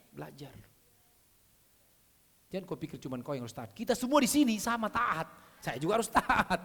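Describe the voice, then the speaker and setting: A male preacher, giving a blunt, scolding sermon with sudden loud calls. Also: on the high side. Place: church hall. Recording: long church hall reverb.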